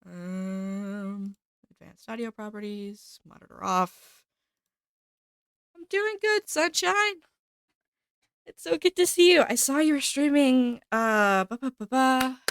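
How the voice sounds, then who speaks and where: Speaking slowly in a smooth, slightly high voice that's very animated, a woman chats casually with her live-stream viewers and thanks subscribers. She's upbeat despite being a bit stuffy from a cold, streaming from home on a desk mic with headphones, with clean studio sound and no room noise.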